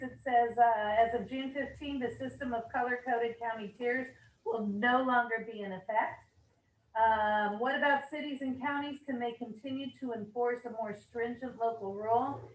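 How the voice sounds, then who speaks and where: Woman presenter, upbeat and chatty, a bit hoarse, higher voice, roomy distant mic. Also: normal speed, a little hiss or hum. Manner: upbeat, reads rules aloud with asides and fillers. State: losing her voice. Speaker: managing broker leading an office meeting. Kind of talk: office meeting presentation.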